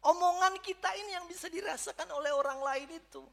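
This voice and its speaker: A man's voice: very high voice, fast, creaky. A man preaching a sermon to his congregation, speaking to them directly and building to emphatic peaks. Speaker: pastor. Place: church service.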